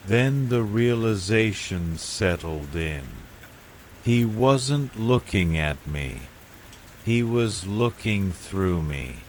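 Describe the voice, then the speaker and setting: A man with a very deep voice tells a bedtime horror story in a calm, hushed, measured way. He takes his time over every line, and soft rain falls faintly behind him. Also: a little hiss or hum. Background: falling rain.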